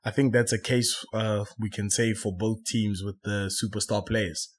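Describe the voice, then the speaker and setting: A man hosting a casual football chat, often pausing with fillers and correcting himself. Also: on the low side, level tone, husky. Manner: hesitant, self-correcting, many fillers. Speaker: podcast host.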